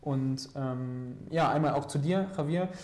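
A man's voice: mid-range voice, a little slow, a little mellow, reverberant. A young man hosting a student TV studio interview, asking questions with many fillers and hesitations. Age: young adult. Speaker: host. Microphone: lapel mic.

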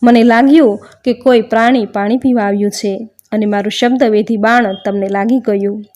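A man's voice: sits high, fairly even intonation, moderate pace, a little mellow, highs cut off, close to an everyday voice. A woman reading a remorseful old king. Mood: pleading. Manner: pleading, apologetic. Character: grieving remorseful ancient king, pleading.

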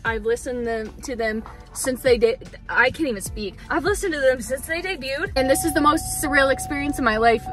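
A young adult woman chatting casually in a vlog, excitable, swearing freely and laughing often. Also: a little high. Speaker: vlogger. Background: background music.

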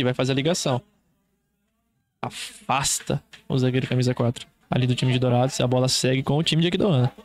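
A man with a Brazilian accent doing live football play-by-play as a commentator, in short clipped running phrases. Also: medium pitch.

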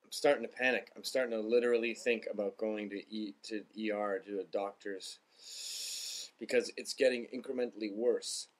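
A man's voice: on the low side, steady tone, normal speed. A man in his thirties talking to camera in a taste-test vlog, his mouth burning from spicy food, pained and short of breath. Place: small indoor room lined with bookshelves.

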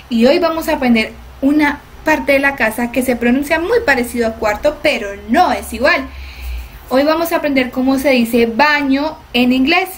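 A woman English teacher, giving a cheerful, clear lesson to young children. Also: high-pitched, a little hiss or hum.

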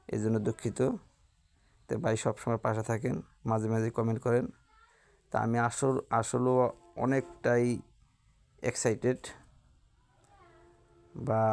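A woman lifestyle vlogger with a Bangladeshi Bengali accent reads through viewer comments. Her voice has a gravelly, creaky edge and stays on a fairly flat, even line. She speaks slowly and earnestly, thanking each person by name. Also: very deep voice.

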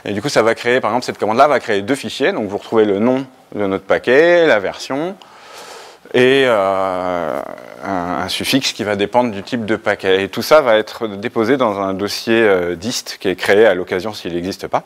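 A man's voice: lowish voice, normal speed. A man from France giving a technical conference talk, with frequent fillers and restarts. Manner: hesitant, many fillers and restarts. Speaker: conference speaker.

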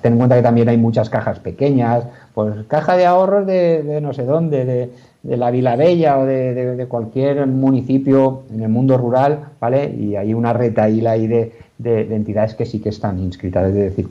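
Guy in his 40s, lawyer explaining stuff, lots of eh and restarts, mellow voice, muffled video call sound. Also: mid-range voice, moderate pace. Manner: explanatory, hesitant, many fillers and restarts. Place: office. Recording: dull lo-fi video call audio.

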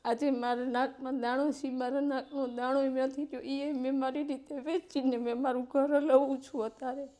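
A woman's voice: high-pitched, flat delivery, moderate pace, hardly any pauses, dark tone. A woman, pleading for help in an interview and tearful at times. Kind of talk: emotional plea in an interview.

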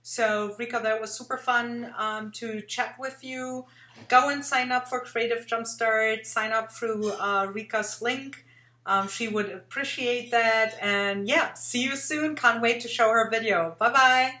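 Chatting eagerly from a room in her home, a woman in her forties hosts a relaxed interview via video call, rambling and using many fillers. Her voice is on the high side, steady, measured, and sharp-toned, picked up by a webcam with roomy sound.

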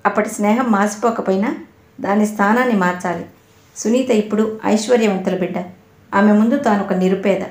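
A woman narrating an audio novel in a measured, even storytelling manner. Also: medium pitch. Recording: roomy echo.

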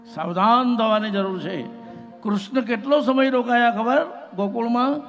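Young man, religious storyteller, lively devotional narration, fairly high voice, faint music behind. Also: a little slow. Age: young adult. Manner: lively storytelling, acting out characters. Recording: reverberant hall, faint music.

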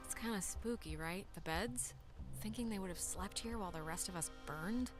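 A wry teenage girl in a video game, played by a woman, speaks in a mid-pitched voice. She is casual, dry and a bit hesitant, with music playing behind her. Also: normal speed, natural voice. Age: young adult. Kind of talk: naturalistic video game voice acting. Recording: music under the voice.

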